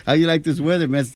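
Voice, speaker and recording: A man's voice: fairly high pitch, no room sound. A man hosting a casual radio interview, chatting loosely and stumbling over his words. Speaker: radio host.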